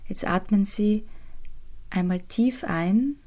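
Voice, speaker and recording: A woman guides a meditation in a soft, soothing half-whisper, pausing often. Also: mid-range voice. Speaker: podcast host and resilience trainer guiding a meditation.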